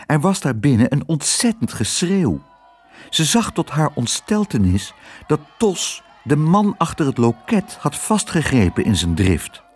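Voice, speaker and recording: A man narrating a children's story aloud in an expressive way. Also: a little high, a little slow, husky, faint music behind. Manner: expressive reading. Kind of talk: audiobook narration.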